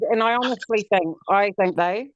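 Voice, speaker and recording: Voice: medium pitch, moderate pace, no echo, highs cut off. Choppy video-call voice, cutting out. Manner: blunt, swears casually. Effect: internet dropouts cutting the speech off mid-word. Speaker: panelist on a rugby league review show. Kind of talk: casual chat.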